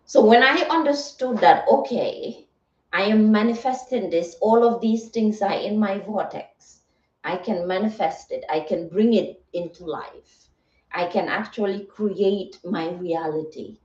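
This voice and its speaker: During a live motivational talk, this host and content creator uses a medium-pitched, somewhat mellow voice. Earnest and reflective, she soothes her listeners and keeps checking in with "right?" or "okay." A distant mic gives the audio a roomy echo and a slightly muffled sound.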